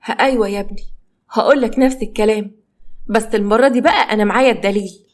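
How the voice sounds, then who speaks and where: Scolding old mother in an Egyptian storybook, voiced by a woman narrator, fast-talking. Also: mid-range voice, natural voice. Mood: indignant. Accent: Egyptian Arabic. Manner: scolding, indignant. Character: older mother, indignant and vindicated.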